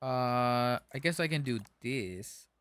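Bright-voiced excitable male game streamer. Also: medium pitch, slow, smooth, dry recording. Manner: excitable, swings into sudden outbursts and stammers. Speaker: gaming streamer. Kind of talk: casual gameplay commentary to chat.

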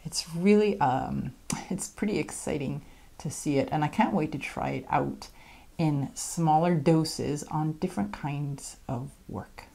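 A middle-aged woman, a pastel artist, casually talking through a demo of art supplies, often dropping to a soft near-whisper as she shows things, then chatty and upbeat. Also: low voice, measured pace, gravelly. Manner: soft-spoken, drops to near whisper while demonstrating.

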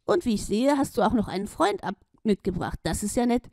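A woman's voice: medium pitch, animated, brisk, vocal fry, mellow, dry recording, clean studio sound. Woman reading a chatty carp chauffeur. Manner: chatty, explanatory.

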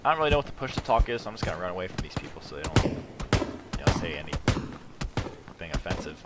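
A man's voice: low-pitched, sing-song, a little fast, very noisy. A man hosting a casual let's play, thinking aloud with rambling, self-mocking asides. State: sleepy, yawning at the start. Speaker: gaming channel host.

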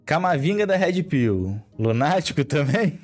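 A man's voice: a little high, big pitch swings, measured pace, darkish tone, soft background music. A man streaming live, handing out blunt, irreverent snap verdicts full of slang.

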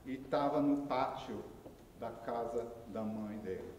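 A man lecturing on anthropology and telling a myth at an unhurried pace. He pauses often and adds little tag questions as he goes. His voice is heard from a distance in a large hall, with a long reverb and faint background noise. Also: mid-range voice, darkish tone. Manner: halting storytelling with frequent tag questions and pauses.

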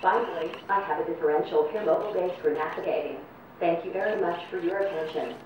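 A synthetic female text-to-speech voice of a service robot, speaking in a flat, formal, evenly paced way. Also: lowish voice, quick pace, recorded from a distance. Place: indoor robot test arena. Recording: echoey room, heard from afar, noisy.

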